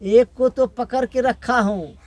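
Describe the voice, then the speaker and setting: A man's voice: extremely high pitch, slow, a little mellow, voice pushed up. A man playing a clever, boastful male wanderer who talks in a confident, bossy way.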